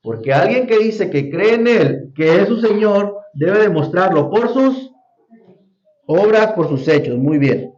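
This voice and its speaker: A man's voice: high voice, animated, unhurried, darkish tone. A man teaching a Sunday school Bible lesson to a congregation, often quizzing the class with questions. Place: church hall. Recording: roomy, dull lo-fi church recording.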